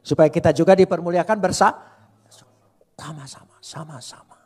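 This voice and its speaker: A middle-aged male pastor preaching a sermon in a church, swinging between loud emphatic calls and soft asides and joking with the congregation. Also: fairly high pitch, moderate pace, husky, soft background music. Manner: jokes with the congregation in casual speech.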